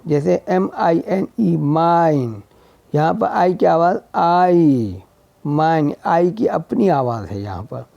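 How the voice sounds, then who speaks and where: A man's voice: on the high side, creaky, dark tone, dry recording. A man teaching English vowel sounds, spelling each word letter by letter and repeating it. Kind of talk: slow spelled-out phonetics lesson. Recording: dull lo-fi sound.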